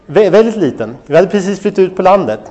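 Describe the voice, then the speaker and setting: A man preaching with an animated, storytelling delivery, his voice sitting a little higher than most men's. He turns to his listeners often with direct questions, a pastor in his thirties sharing a lesson from family life. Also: lo-fi sound. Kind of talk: sermon on parenting.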